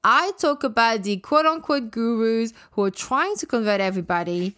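This podcast host and women's health coach speaks straight to her listeners in a monologue, her high voice clear, resonant and fairly bright. She can't pronounce English R's properly, so they come out close to a w. At a moderate pace she sounds expressive, emphatic, playful and blunt, repeating words to drive points home.

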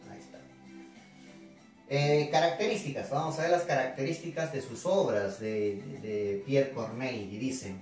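Animated male teacher in an echoey room. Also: medium pitch. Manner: chatty, constantly asks rhetorical questions with tag '¿no?'; addresses students directly, playful and teasing. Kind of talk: classroom literature lecture to students. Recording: very echoey room, distant mic, faint music.

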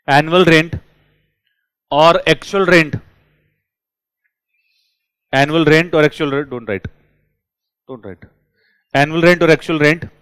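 A man teaching a class, lively and drilling his students with repeated questions. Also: a little high, clear, resonant tone, no echo. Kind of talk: classroom lecture.

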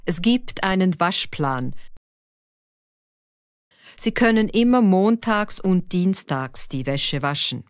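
A woman with a mid-pitched voice reads lesson dialogue very slowly and deliberately. Each sentence comes out clean and separate. The recording is dry and close. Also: lively intonation, no room sound. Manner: careful, clearly articulated, each line said twice. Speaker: dialogue reader for a language lesson. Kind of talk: slow scripted dialogue reading. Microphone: dry studio voice-over.

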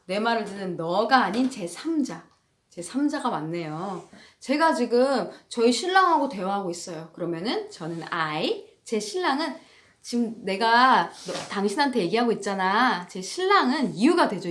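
A woman's voice: medium pitch, fairly bright tone, slight background noise. A woman in her thirties teaching an English lesson, patiently repeating drill sentences. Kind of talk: casual home English lesson.

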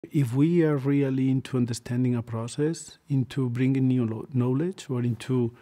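A middle-aged climate scientist with a very dark, mellow voice talks in a measured, thoughtful way. He is giving a documentary interview in a large hall. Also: mid-range voice, steady tone.

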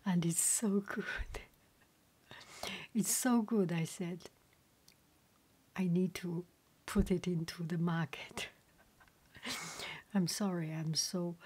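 A middle-aged woman whispering a casual ASMR chat as a home cook, halting and often repeating herself in a breathy voice. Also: medium pitch, a little mellow. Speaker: home cook and video creator.

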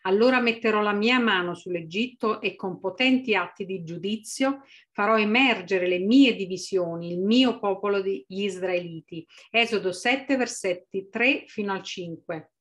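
A woman's voice: medium pitch, moderate pace, a bit bright. A woman interpreting a sermon phrase by phrase, with small restarts.

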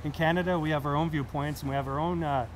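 A man in his thirties interviewing a guest outdoors on a busy street, asking friendly questions and adding quick backchannels. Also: a little high, fairly even intonation, a little hiss or hum.

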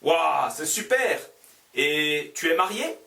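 A man voicing a young Korean student who works as a waiter, in a slow, carefully spoken textbook dialogue. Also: fairly high pitch, expressive, vocal fry, pushed and bright, roomy sound, distant mic, exaggerated voice. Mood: curious.

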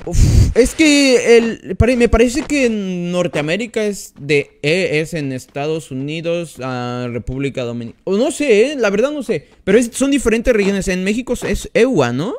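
A man's voice: high-pitched, big pitch swings, normal speed, few pauses, darkish tone. A man commenting on his mobile gameplay during a live stream, chatting and greeting each viewer by name as he plays. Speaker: gaming streamer.

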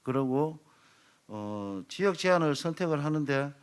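A man's voice: a little high, lively intonation, measured pace, clean tone. A man, a consultant, giving an instructional presentation step by step, with frequent fillers and self-corrections. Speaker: consultant presenting a procurement manual.

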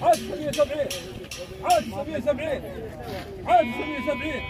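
A man with a Najdi Saudi Bedouin-style accent working as a livestock auctioneer, loudly calling and repeating bids in a chant. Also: very high-pitched, rapid-fire. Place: outdoor livestock pen at night, crowd of men behind. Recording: outdoor market recording with loud crowd.

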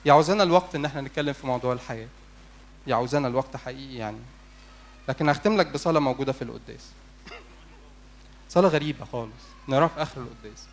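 A man's voice: medium pitch, rapid-fire, long pauses. A man with an Egyptian Arabic accent, a priest preaching a sermon in church, pleading and putting rhetorical questions to his listeners. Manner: urgent, pleading, asks the congregation rhetorical questions.

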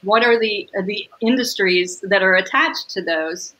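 A middle-aged woman talking upbeat and fast on a video call, laughing easily as she explains her business. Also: mid-range voice, bright, forceful tone, low-quality recording. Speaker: catering sales executive, guest. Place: home room with windows.

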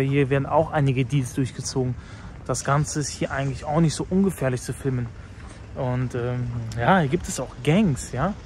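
A man vlogging outdoors by a market hall, talking in a hyped, slangy way and repeating himself. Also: medium pitch. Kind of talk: casual vlog commentary. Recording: street noise outdoors.

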